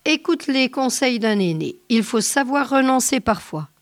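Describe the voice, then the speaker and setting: A woman's voice: on the high side, lively intonation, normal speed, dry recording, studio quality, voice pushed up, natural voice. Woman reading as an angry jealous husband.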